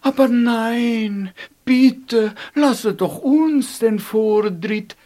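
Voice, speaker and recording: The storyteller voicing a group of gentle female fairies who speak sweetly and reassuringly. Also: mid-range voice, extremely slow, pitched above the performer's own voice. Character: gentle lovely female fairies, soft and kind.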